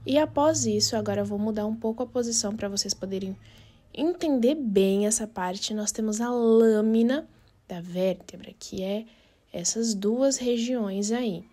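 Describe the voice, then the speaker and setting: A woman's voice: on the high side, moderate pace, dark tone. A woman with a Brazilian Portuguese accent giving an informal step-by-step lesson, repeating points and mixing Spanish terms into her Portuguese. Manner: didactic, repeats and recaps step by step. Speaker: anatomy teacher. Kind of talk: informal narrated anatomy lesson.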